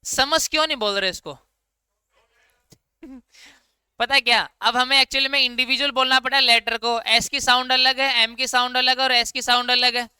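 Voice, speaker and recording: A man's voice: extremely high pitch, steady tone, moderate pace, sharp tone, smooth, dry recording. A male teacher gives an informal classroom grammar lesson, quizzing his students and answering his own questions. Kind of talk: classroom lecture.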